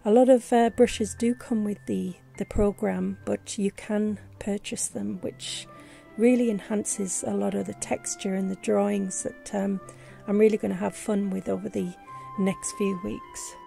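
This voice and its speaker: A vlogger with a sore throat and a failing voice talks through a casual tutorial as a voice-over on her screen recording. Her mid-range voice is warm and steady, with vocal fry, and she goes at an unhurried pace with hardly any pauses while soft music plays. Still, she's hesitant, with many fillers and restarts.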